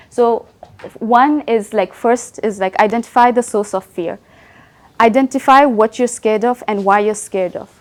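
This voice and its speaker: Young woman giving a relaxed company talk. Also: fairly high pitch. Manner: conversational, often asks "right?". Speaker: presenter. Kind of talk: company talk with audience questions.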